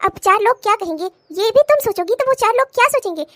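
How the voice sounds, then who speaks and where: A woman's voice: extremely high pitch, lively intonation, a bit bright, no echo. A woman voicing a stern older mother-in-law and grandmother in a cartoon comedy, scolding and lecturing. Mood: preachy. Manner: scolding, then lecturing in a slow preachy way.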